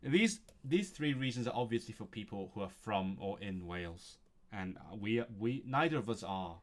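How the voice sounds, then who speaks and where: Reading a textbook aloud on a casual livestream, a man comments and thinks through his language study, chuckling frequently. His lowish voice moves with lively intonation at a normal pace.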